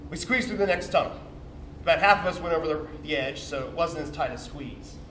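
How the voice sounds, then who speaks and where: The mood turns grave and tense as this man plays a swaggering, resentful young sperm cell, narrating his tale to the audience in a dramatic comic monologue full of slang, swearing, and bro defensiveness. His fairly high, slightly bright, natural voice moves briskly, and the distant indoor stage recording is roomy with a bit of noise.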